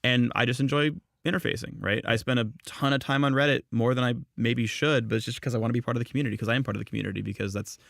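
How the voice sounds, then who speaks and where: A man talking as a podcast guest, relaxed and rambling with many fillers, in casual chat. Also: medium pitch, very fast, vocal fry, few pauses, no echo, studio quality. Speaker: podcast guest, esports commentator.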